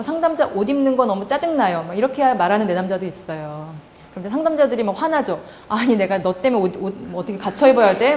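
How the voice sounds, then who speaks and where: A woman's voice: mid-range voice, a little hiss or hum. A woman lecturing on counseling in a chatty online class, often acting out the voices of parents and teens. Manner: lively, acts out quoted voices.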